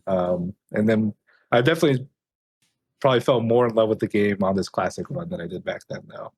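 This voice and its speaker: Young male podcast guest, halting casual delivery, lower pitch, dry mic. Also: a little mellow, breathy edge, no room sound. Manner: halting, lots of ums and restarts. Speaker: podcast co-host. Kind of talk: casual chat.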